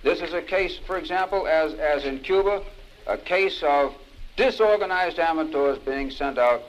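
A man's voice: on the high side, normal speed, muffled recording. A man giving an impassioned political lecture, stressing his points by repeating key phrases, heard from an old vinyl record. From United States.

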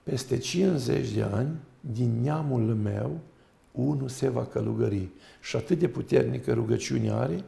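A man's voice: mid-range voice, vocal fry, warm tone. A man voicing a damned man in hell who explains matter-of-factly why he can laugh. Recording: roomy echo.

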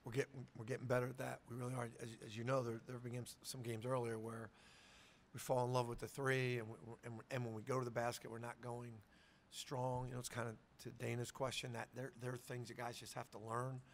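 At a post-game press conference, a middle-aged head coach answers questions casually into a table mic in a room with a sponsor backdrop, often restarting sentences and repeating words as he begins them. His mid-range voice has little pitch movement and a slightly fast pace, with a little hiss or hum.

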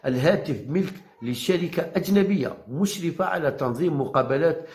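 A man's voice: a little high, expressive, a little fast, darkish tone, reverberant. A man with an Algerian Arabic accent giving a heated monologue to his viewers, combative and repeating his phrases to challenge listeners. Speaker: football commentator vlogger.

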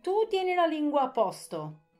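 A woman's voice: medium pitch, sing-song, moderate pace, mellow, soft background music. A woman reading an audiobook, voicing a furious, shrieking tyrant queen.

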